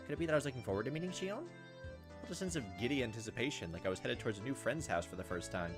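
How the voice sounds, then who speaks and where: With music playing, a gameplay host narrates a visual novel at a rapid-fire pace in a medium-pitched voice. Between passages he tosses in animated, wry, joking asides, keeping the commentary casual.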